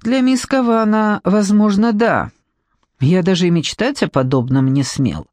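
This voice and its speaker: A man's voice: high-pitched, a little slow, a little mellow, no echo. A man voicing an eccentric, brusque male paranormal detective in an audiobook, lecturing and dryly sarcastic. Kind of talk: audiobook character reading.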